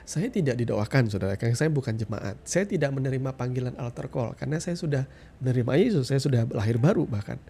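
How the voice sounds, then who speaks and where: Middle-aged male preacher, earnest testimony delivery, gravelly and mellow tone, faint music underneath. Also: mid-range voice, lively intonation, fast. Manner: earnest, addresses listeners as "saudara". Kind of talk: testimony sermon.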